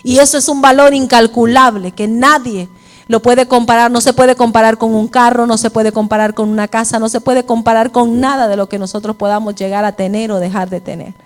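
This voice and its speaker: A woman's voice: fairly high pitch, level tone, fairly quick. A woman preaching a sermon at a women's church service, mixing personal testimony with preaching and often asking her listeners if they follow. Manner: repeats "¿me entiende?" to the listeners.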